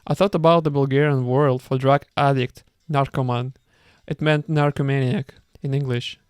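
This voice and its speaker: Man reading a book aloud with commentary, smooth resonant voice, occasional stumbles, amused asides. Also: mid-range voice, fairly even intonation, normal speed, dry recording, studio quality. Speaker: reader.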